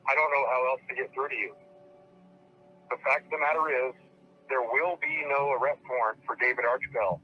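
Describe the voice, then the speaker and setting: A man gives a firm, stern voicemail message played back over a phone line. His pitch is middling, and the sound is muffled with faint hiss. He comes back to the same points again and again. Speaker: police sergeant. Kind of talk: leaving a voicemail.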